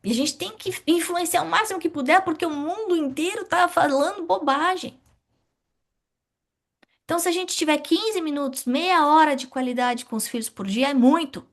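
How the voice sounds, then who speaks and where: A middle-aged woman teaching a spiritist study class, asking questions and answering them herself in a lively way. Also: sits high, normal speed.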